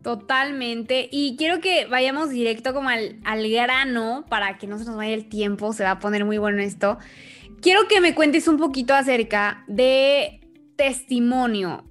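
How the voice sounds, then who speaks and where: A woman's voice: on the high side, a little slow, soft background music. A woman hosting a faith podcast and interviewing a guest in an upbeat, chatty way. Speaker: podcast host.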